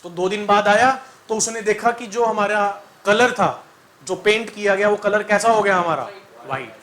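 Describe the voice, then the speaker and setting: A male chemistry teacher runs a lively classroom lesson. His voice sits high and sounds bright. He quizzes students in call-and-response style and throws in jokes and sung mnemonics. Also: moderate pace.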